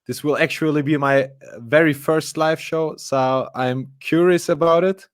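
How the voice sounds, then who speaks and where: A man's voice: fairly high pitch, steady tone, normal speed, dry recording, studio quality. A man, a guest in a casual live interview, talking with many fillers and restarts. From Germany. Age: 20s.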